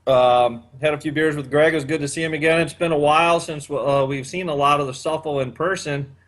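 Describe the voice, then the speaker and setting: A man's voice: a little high, fairly even intonation, fairly quick, a bit bright. A man in his fifties hosting a casual chat, rambling with many fillers. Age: 50s. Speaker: podcast host.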